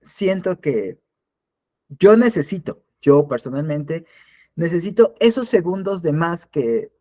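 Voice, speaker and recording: A man's voice: fairly high pitch, sing-song, takes it slowly, warm tone, muffled recording. A man teaching a live online class in a conversational way, often restarting and repeating words. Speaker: instructor.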